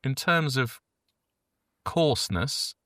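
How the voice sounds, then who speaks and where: Lively, playful man. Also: mid-range voice, slow, dry recording, studio quality. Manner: playful, jokey, reads ingredient lists aloud. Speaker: podcast co-host. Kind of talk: casual food review chat.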